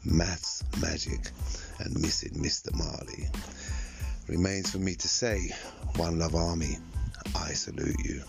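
An older man with an extremely deep voice speaks to his listeners in Rasta style. His voice is full of gravelly creak, his phrasing solemn and full of blessing, and music plays behind him. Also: steady tone, a little slow, pauses often. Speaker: podcast host.

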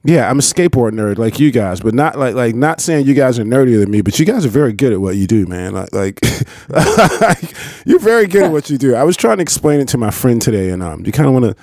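A man's voice: medium pitch, very animated, quick pace, hardly any pauses, darkish tone, dry recording, clean studio sound. A man in his forties hosting a podcast in casual chat, laid-back and profane, often repeating words. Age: 40s. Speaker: podcast host.

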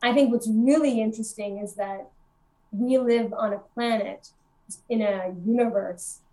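A woman co-hosting a casual podcast chat about a film, talking in an animated, chatty way. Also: medium pitch, rough recording. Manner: chatty, animated, laughs often. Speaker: podcast co-host. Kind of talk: casual movie discussion.

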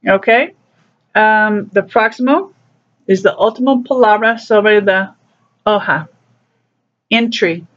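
Slow, patient teacher on a dull recording. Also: mid-range voice, a bit bright. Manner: slow, patient explanations mixing broken Spanish with English. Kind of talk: recorded class lesson walking through a textbook.

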